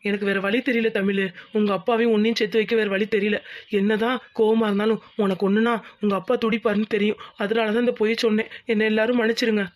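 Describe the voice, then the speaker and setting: Earnest young village groom, quick and monotone, voice actor. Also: mid-range voice, natural voice. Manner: earnest, explaining. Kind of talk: cartoon voice acting.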